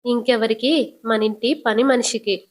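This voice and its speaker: A woman's voice: a little high, flat delivery, normal speed, close to an everyday voice. A woman voicing a spoiled, sly young woman who talks back defiantly, in a retold TV serial.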